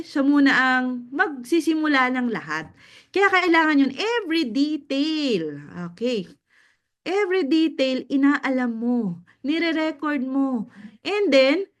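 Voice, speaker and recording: A woman with a Filipino accent giving a mentoring talk to a group, animated and often laughing, checking in with her listeners. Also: high voice. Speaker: business mentor.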